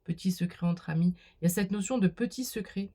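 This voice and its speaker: A woman's voice: medium pitch, brisk, warm tone. A woman doing a casual spoken card reading, talking straight to the viewer with many fillers and restarts. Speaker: card reader.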